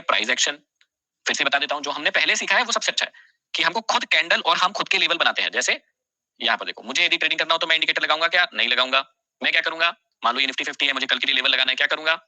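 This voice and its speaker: A man running a live online class, talking fast with a bright, forceful edge. He repeats key phrases for dictation and addresses students by name. The sound is dry and close, with mouse clicks now and then. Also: fairly high pitch, dry recording. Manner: scolds then reassures students directly. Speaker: teacher.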